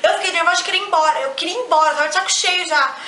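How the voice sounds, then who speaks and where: A young adult woman with a Brazilian accent and a very high voice chats animatedly as a vlogger, sharing a personal story. She restarts her sentences often and acts out the lines she quotes. The room is echoey, with slight background noise.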